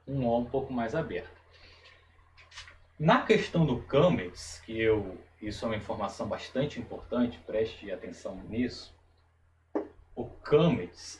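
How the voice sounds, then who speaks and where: Man teaching slowly, repeating each term. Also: medium pitch, recorded from a distance, a little hiss or hum, low-quality recording. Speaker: Hebrew teacher. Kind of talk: video lesson.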